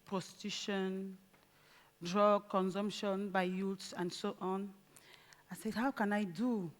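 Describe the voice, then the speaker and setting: A woman in her forties from Cameroon, with a Cameroonian accent, giving an earnest, deliberate conference speech and pausing mid-phrase. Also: mid-range voice. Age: 40s. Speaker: conference speaker. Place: conference stage.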